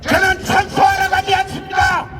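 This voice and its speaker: A man giving a fervent political rally speech, shouting shrill, propaganda-style exhortations. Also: completely flat delivery, moderate pace, very noisy. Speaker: rally speaker. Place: large rally, amplified by loudspeakers. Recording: distant PA, loud music and crowd.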